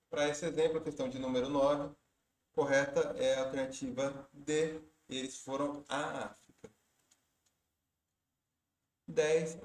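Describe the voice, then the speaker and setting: Brazilian male exam-prep teacher, methodical explainer, roomy echoey sound. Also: medium pitch. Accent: Brazilian Portuguese. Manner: explanatory, step-by-step, with tips. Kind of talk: walking through exam questions.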